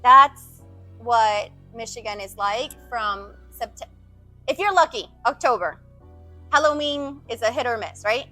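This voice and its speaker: Animated woman telling quick stories. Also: a little high, faint music behind. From United States. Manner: animated, quick storytelling with emphatic swings. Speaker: guest answering viewer questions. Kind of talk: casual chat.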